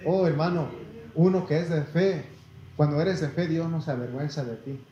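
Speaking at normal speed in a fairly high, mellow voice with fairly even intonation, this preacher delivers a sermon with a Mexican Spanish accent. He's folksy, reading Bible verses, addressing listeners as brother, and asking for amens, all in a slightly muffled, echoey room.

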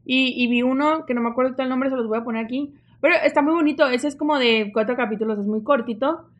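A young adult woman with a Mexican Spanish accent, co-hosting a casual podcast chat and telling stories in a lively, chatty way. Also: high voice, fast talker, muffled recording. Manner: animated, chatty storytelling. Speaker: podcast co-host.

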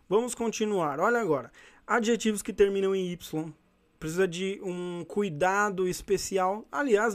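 Brazilian male English teacher, high voice, relaxed explainer who keeps checking in with students. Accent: Brazilian Portuguese. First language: Portuguese. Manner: friendly, checks in with "beleza?" and "né?"; reads English examples slowly and deliberately. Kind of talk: casual explanatory lesson.

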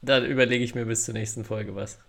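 Man, podcast co-host, laid-back, short replies, gravelly voice. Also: mid-range voice, fairly even intonation, quick pace. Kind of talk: casual chat.

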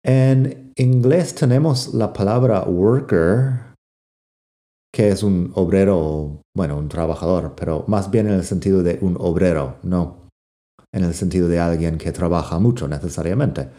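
A man teaching English vocabulary, reading example sentences slowly twice and translating them. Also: deep voice, dark tone. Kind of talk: vocabulary lesson.

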